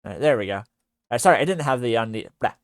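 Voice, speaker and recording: Halting, mumbling male streamer. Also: mid-range voice, animated, no echo, studio quality. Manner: halting, many fillers, trailing off mid-sentence. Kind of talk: casual livestream chat while working on 3D art.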